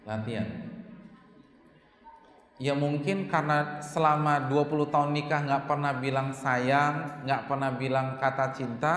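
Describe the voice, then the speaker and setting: A man giving a lively Islamic sermon to a women's audience, asking them questions and acting out little voices. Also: mid-range voice, unhurried, pauses often. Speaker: Islamic preacher. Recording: echoey hall.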